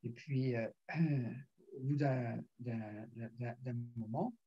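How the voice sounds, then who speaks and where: Un pasteur âgé qui raconte un témoignage en prédication, en jouant les dialogues et en se raclant souvent la gorge. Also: male voice, mid-range voice, extremely slow, dark tone, highs cut off. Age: older. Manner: storytelling, acts out dialogue, frequent throat clearing. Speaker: pastor. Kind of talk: sermon testimony.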